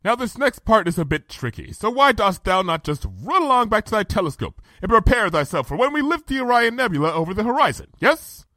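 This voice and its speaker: A man acts out an imperious princess of the night, a storybook pony with a theatrical streak. The voice sits very high and swings dramatically. Her speech is archaic and regal, delivered grandly in a dry, close recording. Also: sing-song, brisk, few pauses, bright, forceful tone, no room sound, full character voice. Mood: haughty, businesslike. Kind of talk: dramatic audiobook character voice.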